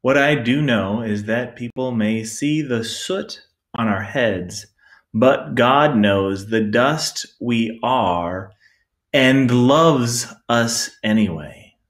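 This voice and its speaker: A man preaching a sermon, telling stories about himself with gentle self-deprecation and asking rhetorical questions. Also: medium pitch, slow pace.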